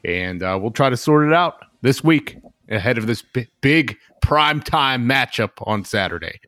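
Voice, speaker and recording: A man co-hosting a casual sports podcast, speaking haltingly with repeated words and fillers. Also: mid-range voice, expressive, a bit bright, dry recording, clean studio sound. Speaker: podcast co-host.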